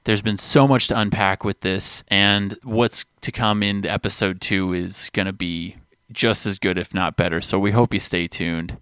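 Low-voiced amused podcast co-host man. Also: steady tone, moderate pace, a bit bright, clear, resonant tone, no room sound, studio quality. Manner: amused, enthusiastic with fillers. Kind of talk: casual chat.

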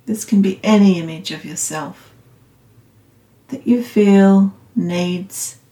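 A woman guiding a meditation in a calm, meditative, soothing tone, unhurried and leaving long pauses. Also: medium pitch. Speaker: meditation guide. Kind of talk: guided loving-kindness meditation. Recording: roomy, slightly echoing sound.

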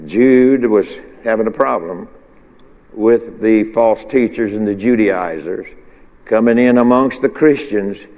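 A man's voice: medium pitch, warm tone. A man preaching an informal, chatty midweek sermon, full of restarts and questions to the congregation. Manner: conversational, rambling with restarts and call-and-response. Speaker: pastor. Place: church sanctuary. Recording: long hall reverb.

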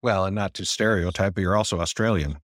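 A man hosting a podcast interview, asking quick, probing questions. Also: sits low, no room sound, studio quality. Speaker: podcast host. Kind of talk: conversational interview.

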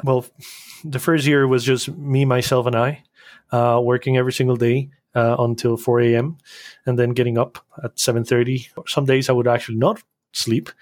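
Brief: man, guest, animated quick talker, mid pitch, dry. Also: no echo. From Costa Rica. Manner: animated, quick bursts with restarts. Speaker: podcast guest, business owner. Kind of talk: casual interview talk.

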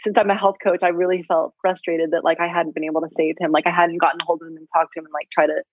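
A woman's voice: fairly low pitch, rapid-fire, a little hiss or hum. A woman in her forties, a health coach, telling her story in an interview in a chatty way, with lots of fillers. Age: 40s. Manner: chatty, filler-heavy, animated retelling. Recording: dry, tinny phone-like audio.

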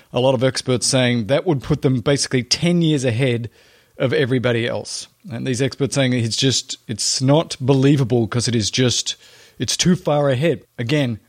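A man with a mid-range voice hosts a solo news podcast. He talks casually and colloquially, adding theatrical showman flourishes and joking asides as he comments. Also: medium pitch. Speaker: podcast host.

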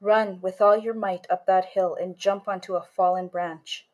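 Woman voicing an unseen guide, calm, gentle, reassuring, storybook telling. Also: medium pitch, moderate pace, muffled recording, natural voice.

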